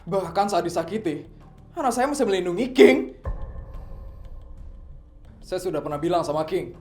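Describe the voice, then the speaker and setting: A man voicing a wealthy, protective father who is quick to anger and gives loud commands. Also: on the high side, steady tone, natural voice. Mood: furious. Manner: commanding, raises his voice in anger. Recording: echoey room, faint music.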